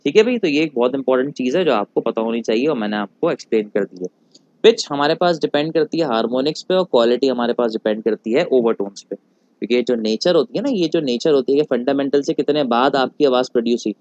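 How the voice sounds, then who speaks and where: A male physics teacher giving a recorded lecture. He asks rhetorical questions, answers them himself, calls students "beta" and slows down on English technical terms. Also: mid-range voice, animated, darkish tone, no echo. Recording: dull lo-fi, dry recording.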